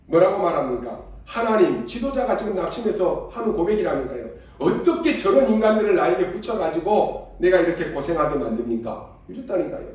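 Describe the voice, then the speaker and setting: High-voiced pastor in an echoing hall. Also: male voice, mellow. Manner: emphatic, repeated rhetorical questions to the congregation. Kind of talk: sermon. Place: church sanctuary. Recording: very echoey church hall, voice far from mic.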